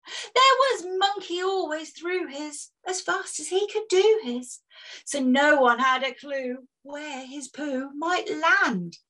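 A woman's voice: high voice, sharp tone. A woman reading a picture book aloud to children, playful and full of exclamations. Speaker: children's storyteller. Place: indoors, on a video session.

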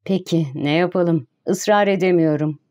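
A woman reading as an idle young gentleman. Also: lowish voice, moderate pace, lightly acted. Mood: polite, shy.

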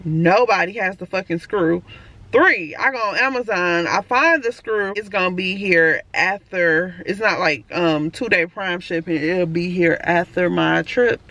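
A woman's voice: on the low side, measured pace, fairly bright tone. A woman chatting casually to her camera as a vlogger. She talks straight to her viewers, calls them y'all and swears freely. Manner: blunt, swears freely when venting. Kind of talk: casual vlog chat to camera.

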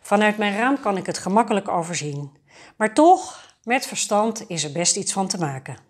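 A woman's voice: mid-range voice, very animated, moderate pace. A woman voicing a foolish old male king in a storybook tale, speaking plainly and matter-of-factly. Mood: resigned.

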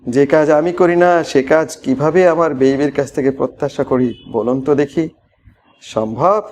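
A man teaching parents spoken English with a Bangladeshi accent, explaining in Bengali and repeating each English phrase slowly, often asking them questions. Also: a little high, darkish tone. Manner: coaxing, asks the listener questions.

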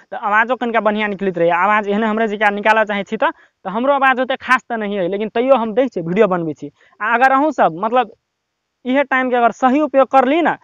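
A young man with a Maithili accent giving casual, rambling, encouraging advice to viewers, with lots of filler words, filmed by his brother in a quiet spot. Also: high-pitched, dry recording, dull audio. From Nepal. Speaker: YouTube tips vlogger. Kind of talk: casual motivational talk to camera.

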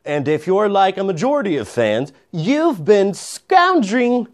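A man's voice: high-pitched, sing-song, a little slow. A young man playing a formal, declamatory male TV news anchor in a comedy sketch. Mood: mock serious. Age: young adult. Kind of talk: mock news anchor delivery, blooper takes. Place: indoors in front of a green screen.

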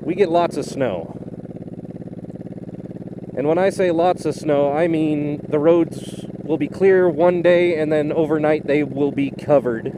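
A man's voice: a little high, unhurried. A man vlogging as he rides his motorcycle, talking casually from inside his helmet in a rambling, self-mocking way. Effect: voice muffled inside a motorcycle helmet. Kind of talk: casual chat to camera while riding. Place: outdoors on a motorcycle in town traffic. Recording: engine and wind noise behind the voice. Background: motorcycle engine and street traffic.

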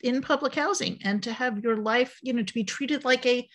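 An older woman, an author and former journalist, speaking on a video call from a home office in a slow, thoughtful way with many pauses. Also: fairly high pitch, a bit bright. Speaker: author and panel guest. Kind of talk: panel discussion on a video call. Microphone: video call webcam.

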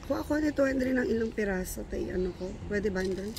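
A young woman chatting casually and haggling with lively exclamations while shopping outdoors at a sunny beach. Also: mid-range voice, fast talker, creaky. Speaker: vlogger and shopper. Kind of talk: casual chat while bargaining. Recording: outdoor beach noise behind.

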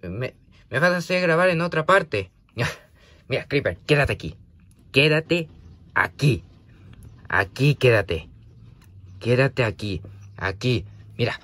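A man's voice: medium pitch, fairly bright tone, no room sound. Hesitant man rambling, dry sound. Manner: hesitant, full of fillers and restarts, scolding then apologetic. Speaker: vlogger talking to a toy creeper. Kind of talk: rambling casual monologue.

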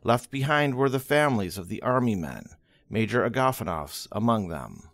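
A man reading a history book aloud as an audiobook, expressive and dramatic, closely recorded. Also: on the low side, moderate pace, no echo, clean studio sound. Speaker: audiobook reader.

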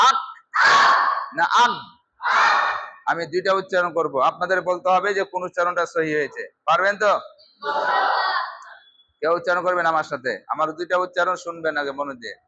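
A man's voice: high voice, bright, forceful tone, dull audio, slight background noise. A man teaching Quran pronunciation in a mosque class, strictly drilling students call-and-response and scolding them.

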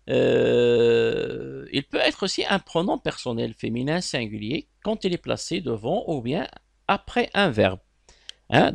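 A man with a Moroccan accent teaching a class as he corrects an exam, explaining slowly, repeating words and asking his students questions. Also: mid-range voice, vocal fry, dry recording, studio quality.

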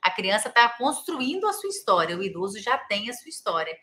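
Bright-voiced chatty woman teaching caregivers. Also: mid-range voice, very animated, brisk. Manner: chatty, tags phrases with "né?" and "tá?". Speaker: physiotherapist and caregiver educator. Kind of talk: casual instructional talk.

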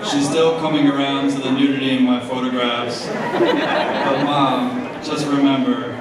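On stage at a gala, a young man from New Jersey gives a joking, casual acceptance speech laden with fillers, his medium-pitched voice expressive and a little slow. The sound reaches the distant audience recorder through podium mic and speakers, echoing around the large hall amid noisy crowd murmur and room noise.

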